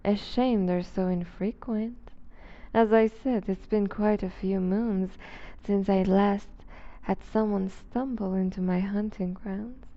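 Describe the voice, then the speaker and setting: A woman playing a seductive, predatory vampire duchess in an intimate ASMR roleplay, refined, teasing and condescending, with a breathy voice that slips toward a whisper. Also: mid-range voice, fairly even intonation, highs cut off. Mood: gracious, wistful. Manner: refined, teasing, condescending, deliberate formal diction.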